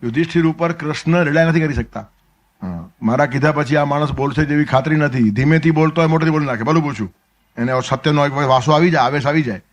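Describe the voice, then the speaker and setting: A man's voice: fairly high pitch, fast talker. A man with a Gujarati accent giving a Gita discourse, telling stories and acting out the characters' lines. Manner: storytelling, acts out dialogue with sudden drops to soft asides. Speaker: spiritual discourse speaker.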